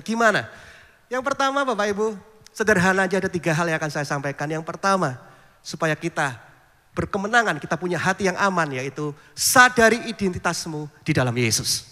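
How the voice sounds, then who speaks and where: A man preaching in a church, his voice sitting high and ringing bright. He tells stories with animated mimicry of other people's voices, and a long hall reverb trails every phrase. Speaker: pastor. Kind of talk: sermon.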